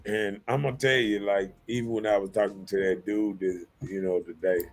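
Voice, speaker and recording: A man with a gravelly, fry-heavy voice talks in in a loose, profane chat, building from low mutters to loud bursts. Faint music plays under him. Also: normal speed. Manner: animated, profane storytelling, swings loud when worked up. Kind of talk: casual chat.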